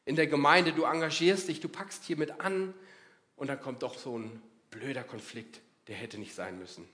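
A man preaching a sermon in a lively, conversational way, acting out inner voices as he talks. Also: medium pitch, moderate pace.

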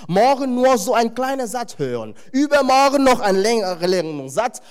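Animated high-voiced male preacher. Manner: animated, emphatic, with wry humorous asides. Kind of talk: sermon.

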